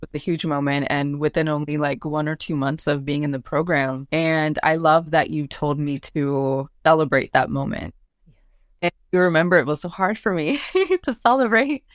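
A woman's voice: sits low, moderate pace, dry recording, studio quality. A woman, a bridal makeup artist, talking casually as a podcast guest and acting out what her family said. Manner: animated storyteller, acts out family quotes.

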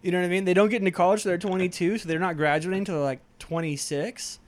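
A man's voice: sits high, fairly even intonation, fast, slight background noise. Rambling young guy co-hosting a podcast. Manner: rambling, lots of "like" fillers. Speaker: podcast co-host. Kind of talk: casual chat.

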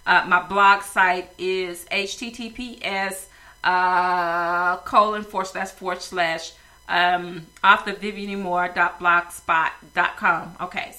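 A woman's voice: fairly low pitch, pushed and bright, rough recording. A woman hosting a podcast with a stuffy nose, talking casually and rambling with many fillers. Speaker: podcast host.

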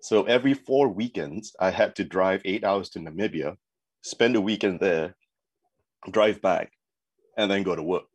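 A man's voice: low voice, moderate pace, slightly rough, no room sound. A man in his forties from Singapore, a guest chatting casually about his career in a remote interview, rambling with many fillers and restarts. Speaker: guest, advertising creative.

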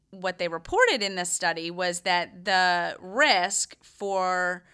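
A woman co-hosting a health podcast, walking through research in a relaxed, conversational way. Her voice is bright and smooth, a little low for a woman, and she often restarts a phrase as she thinks. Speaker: podcast co-host. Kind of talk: casual health podcast discussion.

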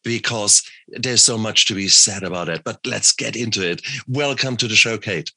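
Deep, bright-toned male podcast host. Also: moderate pace, breathy edge, no room sound. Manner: frequent restarts and fillers. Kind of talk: casual interview.

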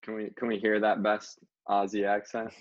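Curious host with a low voice. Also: male voice, completely flat delivery, moderate pace, dry recording. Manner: curious, asks follow-ups. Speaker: podcast host. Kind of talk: casual interview questions. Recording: dull lo-fi recording.

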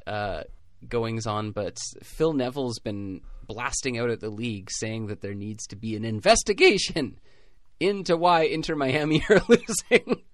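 A man's voice: medium pitch, measured pace. A man hosting a casual sports podcast in a dry, close sound with no room echo. He talks in a sarcastic, joking way and often breaks into laughter mid-sentence. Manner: sarcastic, laughs through his jokes. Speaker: podcast co-host.

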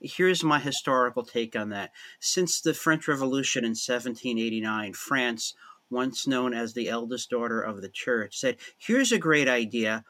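Male guest, priest-author, animated and witty, bright timbre. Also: mid-range voice, moderate pace. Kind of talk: conversational interview.

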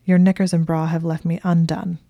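A woman voicing a smug, teasing young male wizard who loves long words, in a low, level voice. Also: little pitch movement, brisk, vocal fry, no echo, lo-fi sound.

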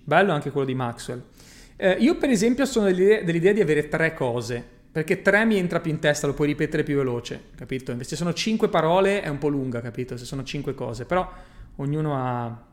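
Male coach on a casual livestream, a touch higher-pitched than most men, blunt and emphatic, swears freely, keeps checking the listener follows. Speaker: personal growth coach. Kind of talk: casual livestream talk reading viewer comments.

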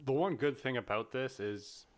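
A man's voice: mid-range voice, normal speed. A man co-hosting a casual film podcast, easygoing and jokey, thinking aloud as he talks. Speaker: podcast co-host.

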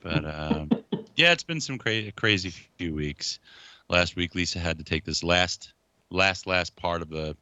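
A man hosting a podcast, talking in animated, jokey, mock-whiny banter. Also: deep voice, unhurried, no echo. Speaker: podcast host. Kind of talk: casual banter.

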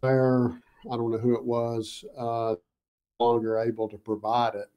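A man's voice: mid-range voice, monotone, measured pace, lo-fi sound. A man being interviewed as a guest researcher, explaining patiently with many hesitations and fillers. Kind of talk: casual interview.

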